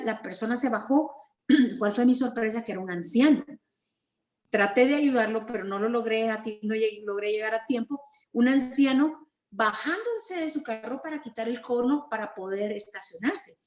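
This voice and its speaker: A Guatemalan woman teaching a Bible study over a video call, earnest and story-driven, clearing her throat now and then. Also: fairly high pitch, lively intonation, moderate pace, a little mellow, echoey room. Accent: Guatemalan Spanish.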